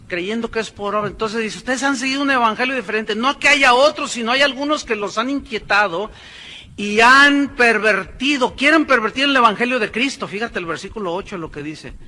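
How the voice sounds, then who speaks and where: Emphatic high-voiced male preacher. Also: a little hiss or hum. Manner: emphatic preaching, swings between loud and hushed. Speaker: pastor. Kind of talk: sermon.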